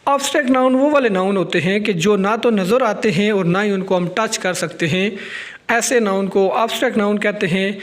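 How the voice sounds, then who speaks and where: A man with a Pakistani accent teaches, and his voice sits high. He goes patiently from one word to the next and says the English lines slowly and clearly. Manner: explains each word step by step, reads out the English lines slowly. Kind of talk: explaining a lesson on a recording.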